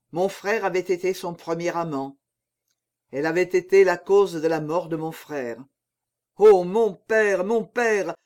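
A man's voice: fairly high pitch, a little mellow, natural voice. A man reading aloud, voicing a dying executioner who begs in anguish for absolution. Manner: pleading, anguished.

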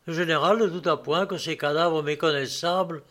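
A man narrating an audiobook in a steady, measured storytelling manner. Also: on the high side. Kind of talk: audiobook reading.

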